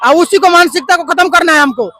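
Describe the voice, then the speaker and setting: A man's voice: extremely high pitch, quick pace, bright, forceful tone. A man being interviewed, arguing politics insistently and hammering his points with rhetorical questions. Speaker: party supporter being interviewed. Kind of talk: heated political argument.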